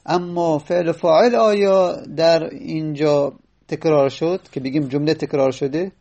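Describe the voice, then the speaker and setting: A man's voice: a little high, fairly even intonation, creaky, dark tone, highs cut off. A man giving a patient grammar lesson, repeating phrases and quoting Arabic verse as he explains them. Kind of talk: classroom lecture explaining grammar.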